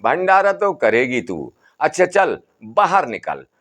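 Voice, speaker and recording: A man's voice: a little high, wildly swooping pitch, slow pace, fairly bright tone, pitched above the performer's own voice, exaggerated voice. A man voicing a stern, wily old holy man who keeps repeating his commands. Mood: insistent.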